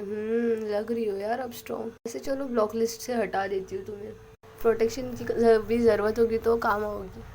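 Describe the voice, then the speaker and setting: A woman's voice: mid-range voice, a little mellow, slight background noise, low-quality recording. A woman narrating a love story in a casual style, speaking all the characters' lines herself in her own voice.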